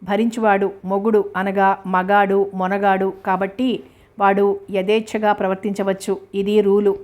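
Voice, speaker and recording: A woman reading the part of an arrogant young male engineer who lectures in a boastful, bossy way, with a flat, even delivery. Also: mid-range voice, measured pace, close to an everyday voice. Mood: lecturing.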